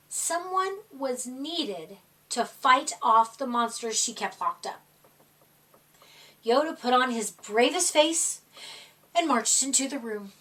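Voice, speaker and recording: A woman with a fairly high voice reads a children's picture book in a dramatic, expressive storytime manner, stretching out words for young listeners. The mic is distant and the recording quality is low.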